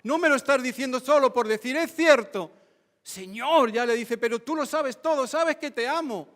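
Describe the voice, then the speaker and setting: A man's voice: very high voice, moderate pace, fairly bright tone. A man from Spain preaching a sermon as pastor, fervent, with rising emphatic lists. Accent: Spain Spanish. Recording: church hall reverb.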